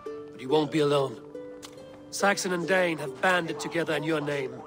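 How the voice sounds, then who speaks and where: An actor playing a loyal, resolute Viking clan leader in a dramatic video game scene. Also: male voice, a little high, normal speed, over music, close to an everyday voice.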